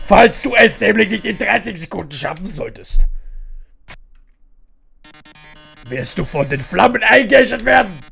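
A woman voicing a flamboyant male robot TV star who teases and threatens in a low, theatrical drawl. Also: lively intonation, moderate pace, vocal fry, fairly bright tone, breathy edge, soft background music, full character voice. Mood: menacing.

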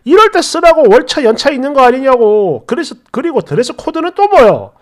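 A woman voicing an old-fashioned online commenter in a loud, contemptuous rant. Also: high voice, sing-song, fairly quick.

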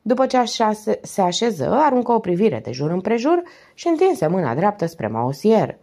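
A woman reading a novel aloud with expressive storytelling. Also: mid-range voice. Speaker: audiobook reader.

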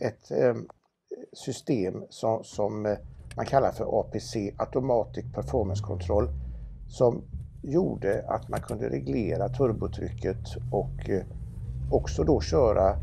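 A man's voice: mid-range voice, gravelly, dark tone, slight background noise. A man presenting a car for auction in a casual, knowledgeable chat, with frequent restarts. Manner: knowledgeable, chatty, many restarts.

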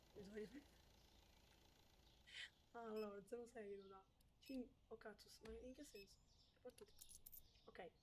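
A woman's voice: mid-range voice, background noise. A young adult woman giving chatty, dramatic commentary on a supermarket game while talking to her chat. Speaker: streamer playing a supermarket game. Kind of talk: casual gameplay commentary.

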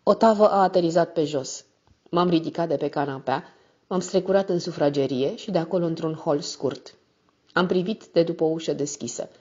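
A woman reading a novel aloud as a steady, measured first-person narrator. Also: deep voice, husky. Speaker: audiobook narrator. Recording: slightly muffled recording.

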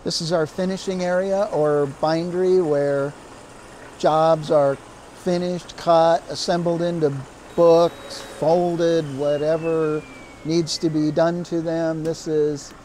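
A man walks visitors through a busy print shop, talking at an unhurried pace with frequent pauses. His voice is mellow and sits a little high, and faint machine hum runs underneath. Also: level tone, rough recording. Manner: slow, explanatory, with pauses and fillers. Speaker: print shop manager giving a tour. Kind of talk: guided facility tour narration.

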